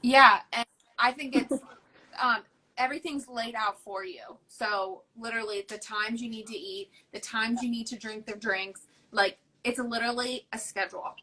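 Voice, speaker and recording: A woman's voice: on the high side, steady tone, normal speed, pushed and bright, rough recording. A woman guest on a casual live-stream chat, talking in an enthusiastic, emphatic way.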